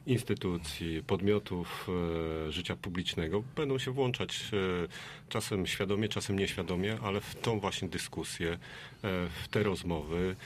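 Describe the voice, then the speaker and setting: A man speaking as a guest on a political panel, halting, with heavy filler sounds between phrases. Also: deep voice, a little hiss or hum.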